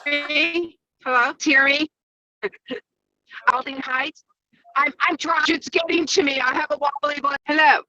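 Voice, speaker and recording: A woman real estate agent calling into a team meeting over a phone line, her voice wobbly and warbling, speaking haltingly and repeating herself. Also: high voice, fairly even intonation, bright, forceful tone, soft background music. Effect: wobbly warbling call audio. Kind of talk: casual team meeting update. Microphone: phone call into the meeting. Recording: dull, muffled phone audio.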